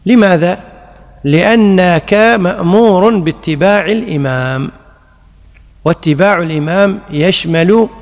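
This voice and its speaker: Male religious scholar, high-pitched, patient explanatory delivery, long reverb. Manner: explanatory, repeats key phrases, recites examples. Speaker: Islamic scholar answering questions. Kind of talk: religious Q&A lecture.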